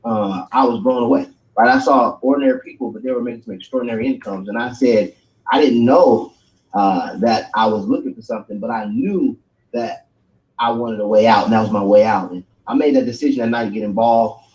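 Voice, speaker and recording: A middle-aged man, a grandfather, giving a motivational business pitch on a video call, peppering his talk with "right?" and "guys" and hoarse from losing his voice. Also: a little fast, darkish tone, dull audio. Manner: hype, repeats "right?" and "guys".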